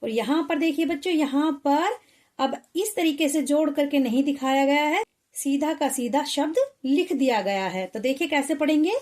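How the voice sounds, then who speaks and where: A woman's voice: sits high, moderate pace, a little mellow. A woman teaching a Hindi lesson to children, patiently sounding out syllables one by one.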